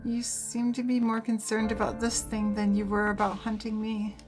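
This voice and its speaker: A calm, earnest, bewildered young man from a video game, read aloud by a woman. The delivery is plain and even, with music clearly behind it. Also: mid-range voice, normal speed, close to an everyday voice. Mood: calm, puzzled.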